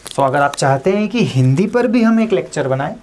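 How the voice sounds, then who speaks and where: A woman's voice: low voice, expressive, normal speed, a little mellow, a little hiss or hum. A woman giving an online language lesson, explaining plainly, mixing Hindi with English phrases and inviting viewers to comment. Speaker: English teacher.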